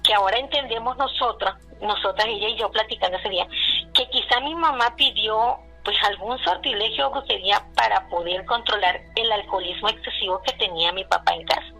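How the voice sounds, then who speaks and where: A woman's voice: mid-range voice, brisk, vocal fry, bright, forceful tone, faint music behind, rough recording. A woman recounting a personal family story in casual speech, rambling, with many restarts and fillers, retelling what people said. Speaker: caller telling a personal story.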